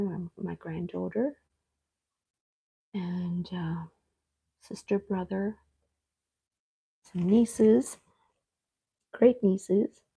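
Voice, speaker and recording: Slow, husky woman. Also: medium pitch, dark tone, lo-fi sound. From Cape Town, South Africa. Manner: chatty, speaks straight to viewers, unhurried. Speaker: artist hosting a live painting stream. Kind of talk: casual live-stream chat while painting. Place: home art studio.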